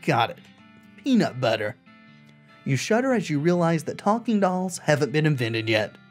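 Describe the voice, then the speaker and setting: Lively woman narrating a video game. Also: sits low, normal speed, soft background music. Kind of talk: let's play commentary, reading game text aloud.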